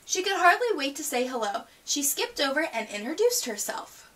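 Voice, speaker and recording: A woman reads a children's story in a high, very lively voice. Her tone is bright and expressive, with the odd stumble, and she sounds set back from the microphone. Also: normal speed, recorded from a distance. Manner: expressive reading, stumbles over words. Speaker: storyteller reading aloud. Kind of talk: read-aloud of a children's picture book.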